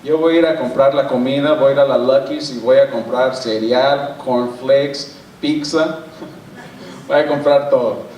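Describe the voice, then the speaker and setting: A man's voice: mid-range voice, fairly even intonation, a little slow, darkish tone, distant mic, a little hiss or hum, pitched below the performer's own voice, close to an everyday voice. A man voicing a cheerful husband who sweet-talks his wife in a sermon joke, with a playful, coaxing tone. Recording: echoey church hall, mic from afar.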